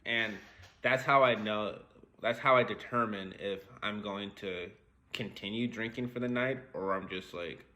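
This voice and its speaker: A man's voice: fairly low pitch, a little slow, sharp tone. A young man, a podcast co-host, chatting casually, laughing often and using slang. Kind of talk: casual chat.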